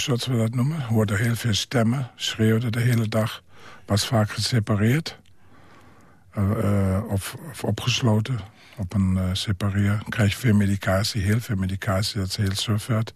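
Older man, low husky voice, halting. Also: fairly even intonation, no echo. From Germany. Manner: hesitant, halting with many pauses and fillers. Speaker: psychiatric care worker and author. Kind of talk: radio interview.

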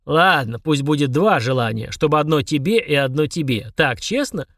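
A man voicing a haughty, short-tempered male demon lord who roars and sneers at mortals in a slow, booming manner. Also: lively intonation, a bit bright, dry recording, studio quality. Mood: wheedling. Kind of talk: audiobook character voice.

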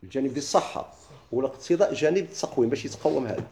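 Fast-talking Moroccan man teaching. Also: mid-range voice, animated, mellow, reverberant, a little hiss or hum. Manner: quizzes listeners with quick questions, then answers himself. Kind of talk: classroom lesson explaining legal theory.

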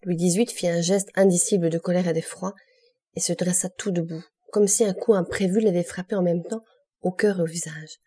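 A woman narrating a classic novel as an audiobook, reading in a measured, unhurried way. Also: fairly low pitch, steady tone, mellow, slightly rough.

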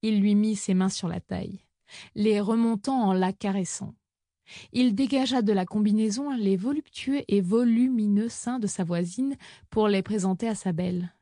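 A woman narrating an audiobook story in an even, measured reading on a close microphone. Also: medium pitch, no echo.

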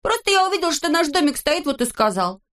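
A woman voicing a boastful, excitable little boy from a storybook, who keeps crying out and arguing. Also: a little fast. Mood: offended. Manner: shrill, excited, cries out.

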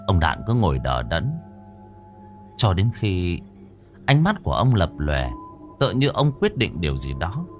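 A man narrating a ghost story in a dramatic, expressive way. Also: fairly low pitch.

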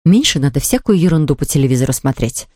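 A woman's voice: low voice, big pitch swings, fast, a little mellow, slightly rough, no room sound, studio quality, exaggerated voice. A woman voicing a no-nonsense mother who scolds her son in a firm tone. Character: no-nonsense mother of a young boy.

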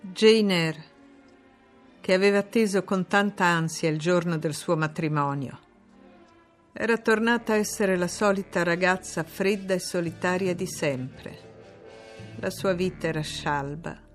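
An Italian woman reading a classic novel aloud in a measured, steady narration. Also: on the low side, soft background music. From Italy. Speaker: audiobook reader. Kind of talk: literary audiobook narration.

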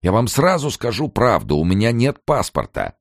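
A man doing a jittery old emigrant pleading at a border gate, his voice pitched up well above his own deep tone and jumping around restlessly. The recording is dry and close. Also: wildly swooping pitch, moderate pace, creaky, dry recording, full character voice. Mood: fretful. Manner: fretful muttering inner monologue. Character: anxious old male emigrant without papers.

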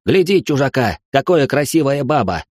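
Guy putting on a jolly jungle translator, broken grammar, higher pitched, pretty loud, dry sound. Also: very animated, normal speed, no echo. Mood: eager.

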